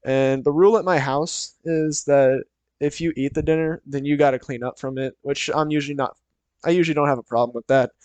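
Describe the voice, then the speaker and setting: A man's voice: on the high side, steady tone, a little fast, darkish tone, clear, resonant tone, dry recording. A young man casually telling a personal story, rambling along with lots of "so" and "like". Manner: rambling, full of "so" and "like".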